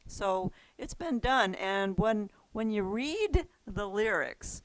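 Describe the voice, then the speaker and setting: A woman's voice: mid-range voice, lively intonation, takes it slowly, no room sound, poor audio. Chatty woman music teacher, casual and giggly, dry close sound. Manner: chatty, laughs easily, trails off with restarts. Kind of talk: casual class lesson.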